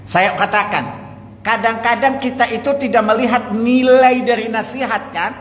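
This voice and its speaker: A man with a very high voice preaches at a moderate pace, and the mosque hall around him echoes. He tells lively stories, acting out the dialogue and putting questions to his audience.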